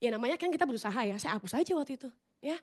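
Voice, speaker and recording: Woman speaker, high-pitched, chatty storyteller who keeps addressing her audience. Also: lively intonation, rapid-fire, a little mellow. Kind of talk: motivational storytelling talk.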